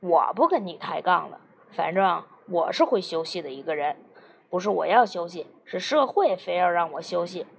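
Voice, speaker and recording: A woman's voice: on the low side, expressive, normal speed, gravelly, breathy edge, pitched below the performer's own voice, heavily acted. A woman reading the part of a cheeky, joking man with a folksy, teasing way of talking. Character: joking, cheeky middle-aged man in therapy. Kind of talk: audiobook character reading.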